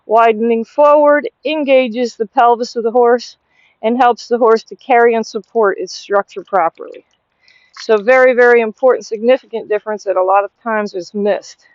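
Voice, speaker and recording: A woman's voice: on the high side, fairly even intonation, normal speed, darkish tone, dry recording, dull audio. A woman giving hands-on horse training instruction, explaining as she goes and breaking off for short commands and praise to the animal. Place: horse barn aisle, later an outdoor riding ring.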